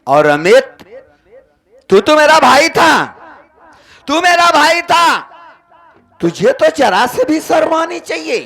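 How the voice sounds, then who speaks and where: Man as furious betrayed brother, melodramatic, high lively voice, slow drawn-out lines, folk stage drama. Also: gravelly, heavily acted. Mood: enraged. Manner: melodramatic, declaiming to the audience. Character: betrayed man, hot-tempered, vengeful brother.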